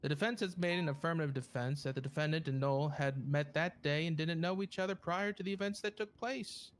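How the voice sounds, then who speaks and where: A man role-playing a prosecutor, formally addressing a court with somewhat halting phrasing. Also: a little high. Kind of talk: improvised courtroom role-play.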